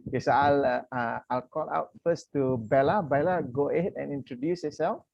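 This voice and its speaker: A man's voice: a little high, a little fast, creaky, a little mellow, no room sound. A man coaching and hosting an online session, speaking courteously and explanatorily with many "uh" fillers and restarts. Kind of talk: welcoming, explanatory talk with fillers. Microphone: video call. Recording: dull lo-fi video call audio.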